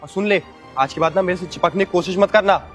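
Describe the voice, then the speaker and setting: A man plays an arrogant rich young man who talks down with open contempt. He speaks high and very fast, and faint music runs under the amateur skit. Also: a bit bright. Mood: scornful. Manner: insulting, contemptuous.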